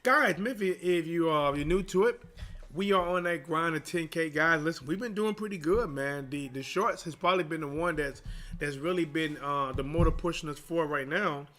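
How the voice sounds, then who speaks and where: A man's voice: fairly high pitch, normal speed, a bit bright. A man doing live boxing commentary as a streamer, in slangy, informal talk aimed at his viewers. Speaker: boxing livestream commentator and channel host.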